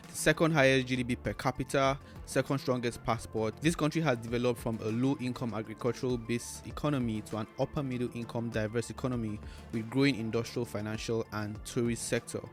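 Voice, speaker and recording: A man's voice: mid-range voice, fairly even intonation, a little fast, hardly any pauses, soft background music. Man telling a travel story. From Nigeria. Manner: earnest, conversational, fond of "like" and "you know". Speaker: travel vlogger host. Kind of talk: casual personal storytelling to camera.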